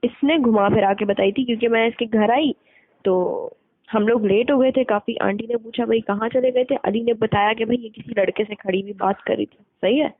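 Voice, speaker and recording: Over a narrow, dry phone line, a young woman with a slightly high voice recounts school-days gossip at a moderate pace, with no echo and fairly even intonation. She's colloquial and blunt, quoting people as she retells what happened.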